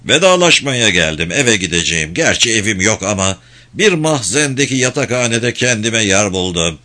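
A man voicing a weary, quiet middle-aged male worker in an audiobook, speaking plainly. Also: fairly low pitch, sing-song, moderate pace. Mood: resigned.

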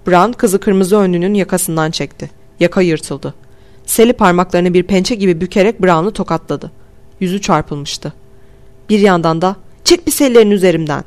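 Calm man reading a horror audiobook. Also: high voice. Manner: calm, measured storytelling. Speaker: audiobook reader. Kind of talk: first-person audiobook narration.

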